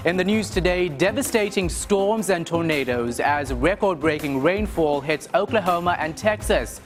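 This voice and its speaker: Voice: medium pitch, animated, normal speed, over music. A news presenter and reporter delivering news reports and putting questions.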